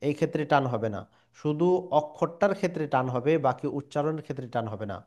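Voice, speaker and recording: A man teaching a Quran reading lesson, drilling syllables slowly with pauses and fillers. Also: on the high side, a little mellow. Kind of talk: recitation lesson.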